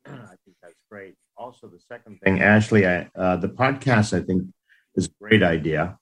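Deep-voiced man on a glitchy, breaking-up call. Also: normal speed. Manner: hesitant, repeats words while restarting sentences. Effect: glitchy call audio that breaks up and cuts out. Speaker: participant on a conference call. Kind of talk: casual meeting talk. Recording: breaking-up conference call line, sounding far off.

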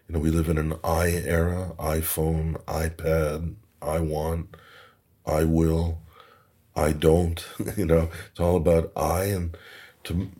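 A man's voice: extremely low pitch, warm tone, husky. A man, a podcast guest, telling anecdotes in a chatty way, chuckling and repeating words while he searches for them. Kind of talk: anecdotal storytelling. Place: Toronto.

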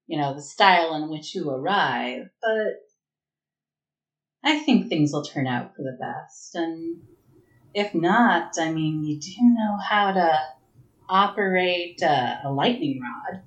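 A woman voicing a wry, warm adventurer with a roguish streak, talking in a gently teasing and reflective way. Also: low voice, animated, slow. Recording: echoey room.

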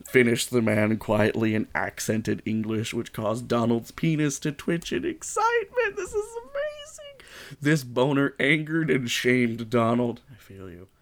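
Guy on a comedy podcast reading a goofy story out loud, swears a lot, dry jokes. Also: medium pitch, very animated, unhurried, few pauses. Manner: sweary, wry, breaks into dramatic reading. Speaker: podcast co-host reading aloud. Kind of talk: casual comedic read-aloud.

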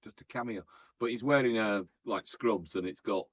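Podcast co-host: low-voiced joking man, muffled dry lo-fi mic. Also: normal speed, dry recording. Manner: joking, rambling, laughs often. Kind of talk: casual film review chat. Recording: dull lo-fi mic.

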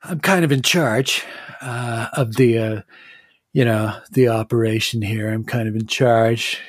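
A man's voice: mid-range voice, steady tone, unhurried, no room sound, clean studio sound, lightly acted. A man voicing a nervous, rambling young gothic thrall who fills every sentence with "like" and "you know". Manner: rambling, full of fillers and "like".

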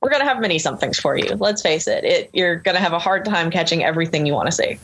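A woman's voice: on the low side, animated, fast talker, fairly bright tone, slightly rough. A woman organizing a convention, talking upbeat in a casual interview, listing plans.

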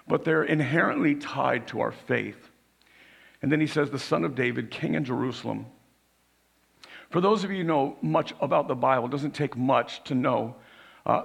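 A man preaching a sermon as a pastor, raspy and hoarse from losing his voice, explaining informally and often checking in with "right?". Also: mid-range voice, fairly bright tone.

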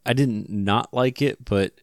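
A man's voice: medium pitch, a little slow, dry recording. A man hosting a casual movie review chat, talking hesitantly and restarting his sentences often.

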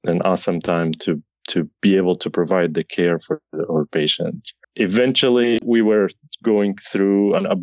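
A very low-voiced man from Syria speaks earnestly as a podcast guest, often restarting his sentences. His voice is recorded dry and a bit dull, like a lo-fi setup. He sounds like he is in his thirties. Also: steady tone, moderate pace, hardly any pauses, no room sound. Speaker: guest, informatics pharmacist. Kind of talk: podcast interview.

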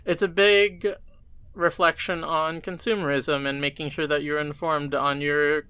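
Podcast guy, brightish clear voice, dry mic, mostly says right and yeah. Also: a little high, level tone, dry recording. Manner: brief agreeing interjections, measured points. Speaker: podcast co-host. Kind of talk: casual game review chat.

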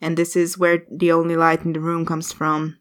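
A woman running a tabletop game as game master, with measured, descriptive narration. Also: low-pitched, completely flat delivery.

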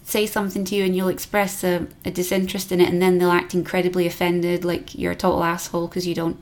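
A woman's voice: fairly low pitch, monotone, fast, a little mellow. A woman from Scotland with a Scottish accent, a piercer chatting casually as a guest and using many fillers and restarts. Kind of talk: casual podcast conversation.

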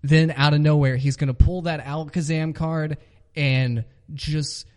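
A man's voice: fairly high pitch, steady tone, unhurried. Man giving mock-serious crime narration. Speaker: podcast host.

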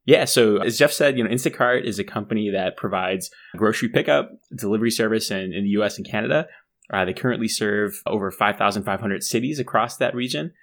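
A man co-hosts a casual explainer podcast, his voice sitting fairly low. He talks in a loose, chatty way, restarting sentences and adding asides as he walks through the facts. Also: quick pace, fairly bright tone. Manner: chatty, restarts and fillers, laughs at own jokes. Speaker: co-host.

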